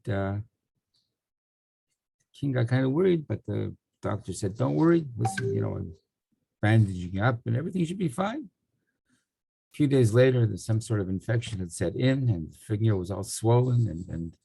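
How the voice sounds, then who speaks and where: Gravelly man giving a Torah talk. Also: on the low side, dark tone, no echo. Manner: loose storytelling with fillers. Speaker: Torah teacher. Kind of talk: weekly Torah talk with stories.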